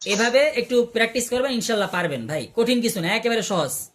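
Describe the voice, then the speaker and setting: Patient teacher on a video call. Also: male voice, extremely high pitch, animated, quick pace, fairly bright tone. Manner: patient, repeats sounds and asks the class questions. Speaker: Quran recitation teacher. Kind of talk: online tajweed class.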